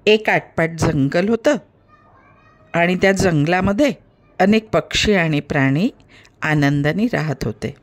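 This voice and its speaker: Woman reading a kids' fable, low-ish voice, unhurried. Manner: slow, gentle storytelling addressing children. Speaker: storyteller. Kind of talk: children's story narration.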